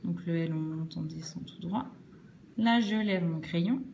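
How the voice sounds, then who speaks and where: A woman teaching children cursive handwriting, explaining each stroke slowly and patiently, step by step. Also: lowish voice, gravelly, a little mellow, slight background noise.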